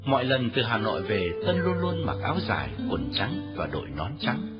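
Highly expressive male storyteller. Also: moderate pace. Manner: very expressive, varied intonation. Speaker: audiobook narrator. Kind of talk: storytelling narration. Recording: dull lo-fi audio with faint music.

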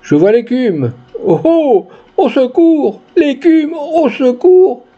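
A man's voice: medium pitch, sing-song, a little slow, creaky, slightly rough, highs cut off, full character voice. A man voicing a cowardly, pompous small-town notary who shrieks in panic and lectures with solemn threats. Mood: panicked.

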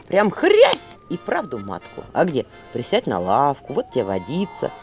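Woman playing a snarky talking owl from a folk tale, grumbling, jumpy in pitch. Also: huge pitch swings, normal speed, soft background music, heavily acted. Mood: sarcastic. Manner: sarcastic, grumbling.

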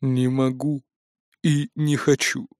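A man's voice: steady tone, darkish tone, no echo, clean studio sound, lightly acted. A man doing a weary, cold AI. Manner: slow, low and tired. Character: weary disillusioned male AI, cold and resigned.

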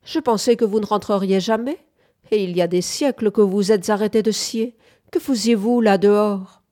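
A woman's voice: medium pitch, moderate pace, mellow, pitched above the performer's own voice, close to an everyday voice. A woman reading the part of a fretful young farm woman who scolds in a querulous, reproachful tone. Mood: sullen.

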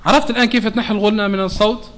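A man with a Tunisian Arabic accent teaching a Quran recitation lesson to a class, often checking that students follow and slowing down to model sounds. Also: high-pitched, fairly even intonation.

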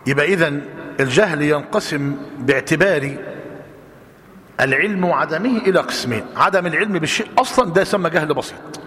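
A high-pitched man with an Egyptian accent delivers a jurisprudence lesson. He repeats every definition for his students to write down and tosses questions back at them. His voice rings with a long reverb from a large hall. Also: animated, bright, forceful tone. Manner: repeats each point slowly for dictation, quizzes listeners. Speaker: Islamic jurisprudence teacher. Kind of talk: classroom lecture.

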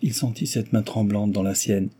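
A man's voice: fairly low pitch, slightly rough. A man steadily reading a classic novel aloud as narrator. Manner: steady and measured. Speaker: audiobook narrator.

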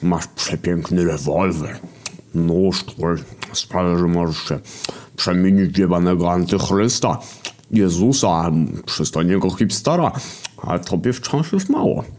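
Hunger, a bitter male horseman spirit, voiced by a man, sounding mocking and accusing. He drags out his words with scorn. The voice is deep and low. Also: measured pace, darkish tone.

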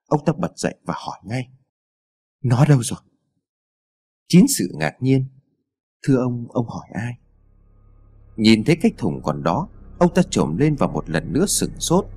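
Brief: male story narrator, dramatic, husky tone, lots of melody. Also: a little high. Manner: dramatic, expressive reading.

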